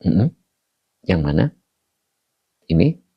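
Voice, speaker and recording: Deep gravelly male teacher. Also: big pitch swings, dry recording, dull audio. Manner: slow, explanatory, reads out chat greetings. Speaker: Islamic teacher. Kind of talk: online religious study session. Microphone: video call.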